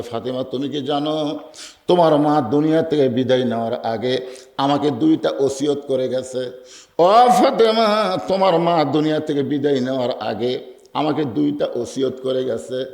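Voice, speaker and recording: A male preacher with a Bangladeshi Bengali accent delivering an emotional sermon, telling a story and swinging between loud cries and hushed quoted lines. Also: mid-range voice, vocal fry, roomy sound.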